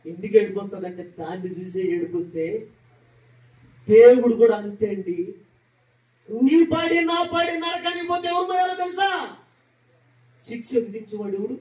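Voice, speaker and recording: A man, a pastor, preaching a sermon with fiery rhetorical questions and bursts of shouting. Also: high-pitched, moderate pace, pauses often. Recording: echoey room, distant mic.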